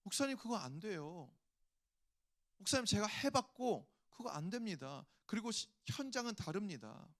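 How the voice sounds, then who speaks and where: A man's voice: sits high, sing-song, normal speed, a bit bright. A male pastor preaching a sermon, telling a personal story and acting out inner voices before rising to emphatic appeals.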